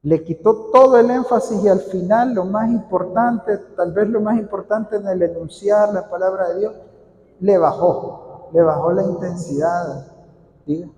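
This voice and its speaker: A man's voice: high-pitched, measured pace, mellow. Man teaching in a big echoey hall. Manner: conversational, repeats key points, answers questions from the room. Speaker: workshop leader training church readers. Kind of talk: informal instructional talk to a group. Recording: echoey hall with long reverb.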